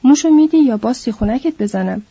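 A woman voicing a sharp-tempered, protective itinerant worker man who talks in a curt, scolding way. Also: on the high side, animated, husky, no echo. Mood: stern. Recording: dull lo-fi recording.

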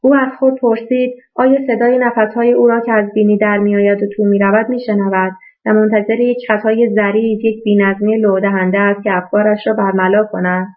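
A woman reading a novel aloud as audiobook narrator in a steady storytelling manner, in a tinny phone-like recording. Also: mid-range voice.

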